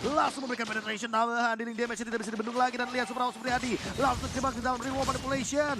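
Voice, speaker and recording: A man with an Indonesian accent calling a video game match live as an esports commentator, in an excited, dramatic announcer style with drawn-out calls. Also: very high-pitched, background noise.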